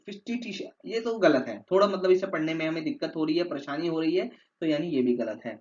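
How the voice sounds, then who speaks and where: Man teaching exam vocabulary, lo-fi. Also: on the high side. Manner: explains step by step, repeats words often, mixes in English phrases. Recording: dull lo-fi sound.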